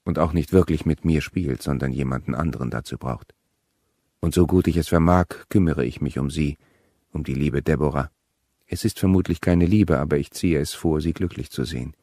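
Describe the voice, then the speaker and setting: Male audiobook reader, very low voice, calm and measured, dry close mic. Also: no echo. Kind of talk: audiobook narration.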